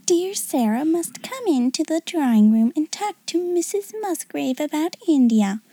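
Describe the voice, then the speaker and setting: A woman's voice: sits high, expressive, moderate pace, mellow, dry recording, voice pushed up. A woman reading a story, voicing a jealous, spiteful schoolgirl who mocks in a prim, affected tone. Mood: mocking. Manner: sneering, mimicking prim adult tone. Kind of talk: audiobook character reading.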